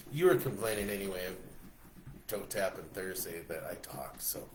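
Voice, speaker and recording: A man co-hosting a casual chat, joking and telling animated stories. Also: sits low, moderate pace. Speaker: podcast co-host. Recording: echoey room with faint noise.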